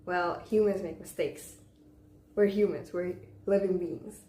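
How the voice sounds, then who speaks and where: A young woman delivers a memorized contest speech in a deliberate, theatrical way, with pauses and rhetorical questions. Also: lowish voice, steady tone, dark tone. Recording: echoey room with faint background noise.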